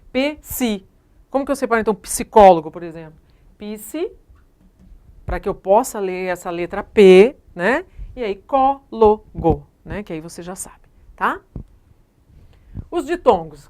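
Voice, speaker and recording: A woman with a Brazilian Portuguese accent, a teacher giving a recorded grammar lesson who explains patiently and keeps checking in with her students through short tag questions. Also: mid-range voice.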